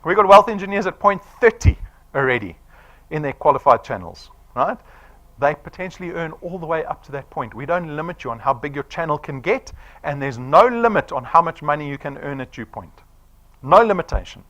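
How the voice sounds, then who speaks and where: Here a forties-aged salesman pitches to a live crowd in a voice on the high side, talking fairly quickly. The sound is lo-fi. His manner is animated and persuasive, and he often checks in with the audience by asking "right?"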